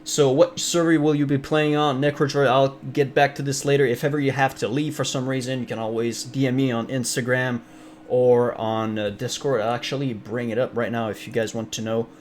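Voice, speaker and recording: A young French Canadian man, a streamer from Ontario whose first language is French, chats casually with viewers in a mid-range, level voice, talking a little fast. He rambles with lots of fillers and restarts and reads the chat aloud, over a faint hiss or hum.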